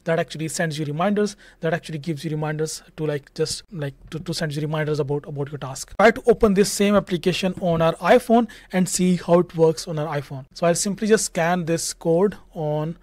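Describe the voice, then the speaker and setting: A man's voice: on the high side, fairly quick, few pauses, a little mellow, no echo. A young man hosting a screen-share coding tutorial, talking casually with lots of "just" and "like" into a studio mic at home. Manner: casual, repeats fillers like "just" and "like". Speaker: tech tutorial host. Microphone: studio mic on a stand in front.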